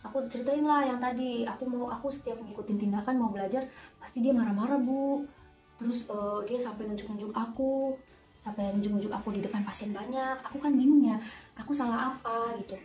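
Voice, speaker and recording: A woman's voice: a little high, brisk. Chatty young woman vlogger. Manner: chatty, animated storytelling. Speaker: nurse vlogger. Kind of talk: storytime vlog while doing makeup. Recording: roomy, distant, faint music.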